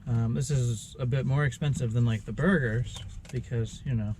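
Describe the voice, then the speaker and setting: A man's voice: mid-range voice, fairly even intonation, moderate pace. An American man hosting a casual food-tasting vlog, explaining each snack in an easygoing way. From United States. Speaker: vlog host. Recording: noisy background ambience.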